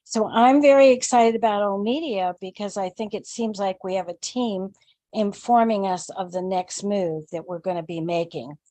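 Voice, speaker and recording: A woman's voice: mid-range voice, moderate pace, dark tone, dry recording. A woman from the USA giving an articulate, enthusiastic testimonial on a video call with audio only. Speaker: company member on a webinar. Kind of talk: casual testimonial.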